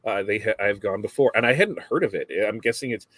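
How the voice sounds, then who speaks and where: A man with a low, husky voice hosts a relaxed morning livestream, greeting viewers one by one and rambling between their comments. The sound is close and dry, with no room around it. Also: fast talker, no echo. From United States. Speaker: livestream host. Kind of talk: casual live chat reading viewer comments.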